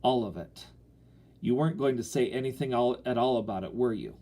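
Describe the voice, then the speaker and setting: A man's voice: mid-range voice, a little fast, mellow, close to an everyday voice. A man voicing a strict mother who speaks sternly.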